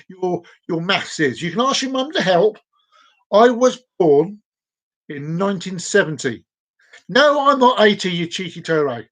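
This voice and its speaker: A man's voice: high-pitched, fairly bright tone. A man in his forties hosting a casual live stream, chatting playfully with viewers and repeating his words as he rambles. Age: 40s.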